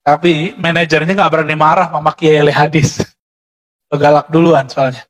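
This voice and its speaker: A man's voice: on the high side, little pitch movement, normal speed. A man preaching a sermon to a congregation in Indonesian-accented speech, lecturing conversationally and often checking in with his listeners. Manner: conversational lecturing, addresses listeners as Pak, frequent "ya" tags. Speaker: Islamic preacher.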